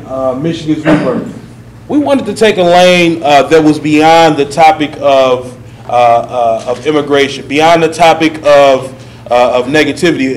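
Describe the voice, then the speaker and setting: A man moderates a campus panel discussion, stopping and restarting with frequent fillers. His voice sits a bit high for a man. The sound is echoey with some room noise in a large hall. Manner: halting, many fillers. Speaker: event moderator. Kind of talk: panel introduction. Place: university auditorium.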